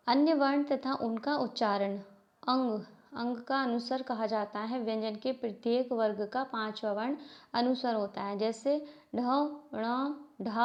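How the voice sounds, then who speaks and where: A woman teaching a grammar lesson, reading definitions, asking questions and answering them herself, and spelling out letters one by one. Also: fairly high pitch. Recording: dull lo-fi recording.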